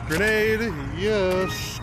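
Male gamer, high voice, excitable, jokey, loud hiss under the commentary. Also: extremely slow. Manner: excitable, jokey, talks to game characters. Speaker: gaming streamer. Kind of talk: casual gameplay commentary.

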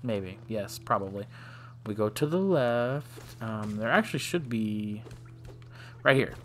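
A man's voice: lowish voice, expressive, slow, soft background music. A man giving casual let's play commentary, joking and self-deprecating, often sighing. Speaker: gaming channel host.

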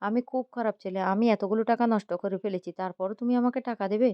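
A guilt-ridden young son pleading through tears, as a woman narrator puts him on. The voice drops quiet and soft, muffled and dry on a dull mic, and the words come fast. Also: medium pitch, steady tone, smooth, dry recording, close to an everyday voice. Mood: sobbing, remorseful. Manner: tearful, begging, quieter. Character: remorseful, sobbing young man, gambler son.

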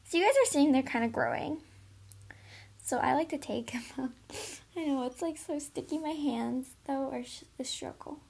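A woman's voice: sits high, moderate pace, gravelly, a little mellow. A woman chatting playfully and casually while reviewing toys at home in a carpeted room, recorded on a camera set on the floor. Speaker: toy reviewer. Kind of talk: casual toy unboxing chat.

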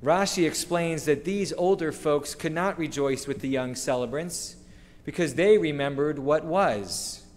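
Earnest rabbi preaching in a reverberant hall. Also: male voice, on the high side, a little mellow. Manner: measured, earnest preaching with slow emphatic phrases. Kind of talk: sermon. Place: synagogue sanctuary, standing at a wooden lectern. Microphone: lectern microphone. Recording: long reverb of a large hall.

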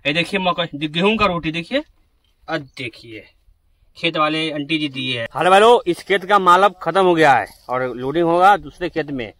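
Standing by his truck in farm fields, a young man who drives trucks records a casual vlog on his phone, talking straight to his viewers in a chatty way. His voice is on the high side and fairly bright, at a moderate pace, with no echo.

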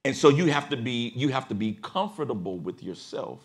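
This pastor and podcast host has a medium-pitched, sing-song voice and talks fairly quickly. Hosting a panel before a studio audience, he preaches his points, rising to emphatic climaxes.

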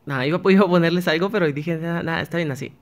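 Fast and fairly high-pitched, a male YouTuber talks through his gameplay in a chatty, casual way. He addresses both himself and his viewers, with frequent restarts.

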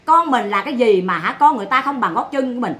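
Southern Vietnamese woman streamer, high bright voice, blunt and mocking. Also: animated, quick pace. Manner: scolding, sarcastic, blunt. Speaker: livestreamer. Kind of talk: ranting livestream commentary.

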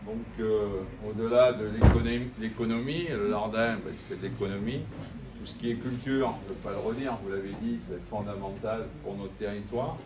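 A man who is a departmental councillor gives a rambling, halting speech at an exhibition opening, full of fillers. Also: lowish voice, steady tone, recorded from a distance. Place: exhibition room in an old town hall. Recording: echoey room, voice from afar, ambience noise.

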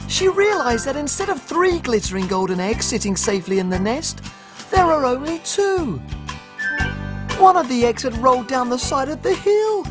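High-voiced, excitable tiny cook. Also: male voice, normal speed. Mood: storytelling. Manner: exaggerated, animated. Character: tiny, excitable, cheerful male cook in a children's show. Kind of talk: children's TV presenting and storytelling. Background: music.

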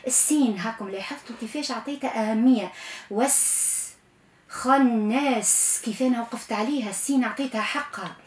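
A woman with a Tunisian Arabic accent teaches Quran recitation on a radio lesson, coaching patiently and drawing sounds out slowly to demonstrate. Her voice is a little high and slightly mellow, and the sound is roomy.

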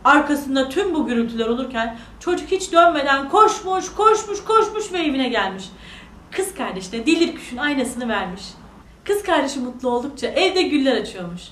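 A woman tells a bedtime fairy tale in a lively, sing-song way, her voice high and swinging widely in pitch. The recording sounds echoey and set a little far from the mic. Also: a little fast, a little hiss or hum. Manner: animated, sing-song storytelling. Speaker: storyteller. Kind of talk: children's fairy tale narration.

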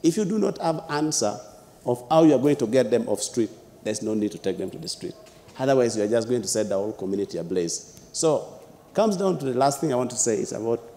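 A man's voice: medium pitch, gravelly, warm tone, in a large hall. Young man giving a fervent panel speech. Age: young adult. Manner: emphatic, repetitive rhetorical phrasing with gestures. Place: lecture hall, seated on a panel.

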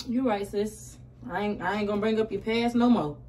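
Her pitch is medium and her tone somewhat dark, and she talks a little fast. She's an American woman in her twenties, vlogging casually with plenty of slang as she gets ready in a small room, recorded by a camera mic a short distance away that sounds roomy and carries faint noise.

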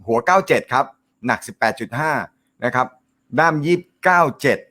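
A man with a loud, carrying voice runs a casual live show. He jokes, laughs often and chats his way through viewer comments. His pitch sits in an ordinary middle range. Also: lively intonation, brisk. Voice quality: naturally loud voice. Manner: joking, laughs often, chatty. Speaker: host of a snooker live show.

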